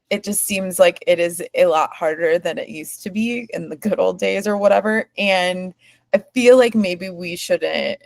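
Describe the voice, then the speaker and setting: A woman's voice: lowish voice, vocal fry, dry recording. A woman co-hosting a casual podcast, giving laid-back, thoughtful opinions. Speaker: podcast co-host. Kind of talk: casual recap chat.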